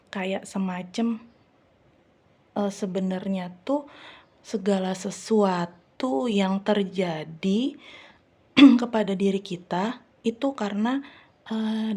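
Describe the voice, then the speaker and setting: Soft warm woman telling a personal story. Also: medium pitch. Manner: chatty, many hesitant fillers. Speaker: vlogger. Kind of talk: casual storytelling to viewers.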